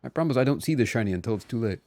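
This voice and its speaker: Racing through his words, a man with a medium-pitched, expressive voice chats casually and playfully with his stream viewers during gameplay. He exclaims often over game music, and the background is noisy.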